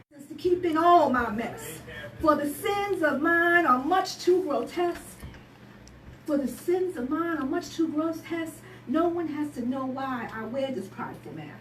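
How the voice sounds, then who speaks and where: High-voiced woman performing spoken word. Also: a little hiss or hum. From Barbados. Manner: rhythmic, emphatic, rising to shouts. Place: live poetry night venue. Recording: echoey room from a distance.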